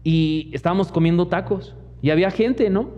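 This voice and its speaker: A young pastor with a Mexican Spanish accent, speaking at a moderate pace in a high voice, preaches through personal stories, voicing the people in them as quoted asides. The setting is a church hall, recorded with long reverb and dull lo-fi sound.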